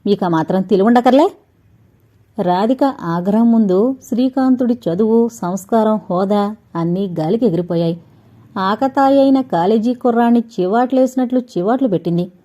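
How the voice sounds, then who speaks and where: Mellow-voiced woman reading a novel aloud. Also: fairly high pitch, moderate pace. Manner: steady storytelling. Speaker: audiobook narrator.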